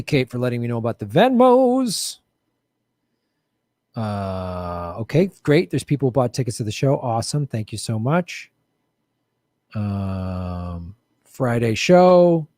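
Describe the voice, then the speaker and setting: Under bright studio lights, a man hosts a live political show, chatting casually and joking in a playful, self-mocking manner. His voice sits in the mid range, the recording is dry, and the talk feels like a relaxed livestream chat.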